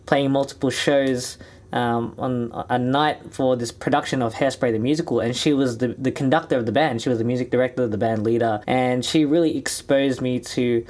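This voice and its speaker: A man's voice: medium pitch, steady tone, moderate pace, a little mellow. A young man with an Australian accent from Sydney, talking in a chatty, upbeat vlog to camera from a small studio. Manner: chatty, upbeat, gestures a lot with hands. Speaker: musician and vlogger. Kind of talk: casual direct-to-camera vlog. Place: small indoor music studio.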